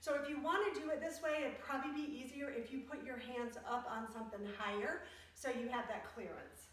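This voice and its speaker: Counting reps and calling out each step in brief phrases, this instructor runs an exercise class in a fairly bright, somewhat high voice. She talks a little fast. The recording picks her up from afar in a heavily echoing room.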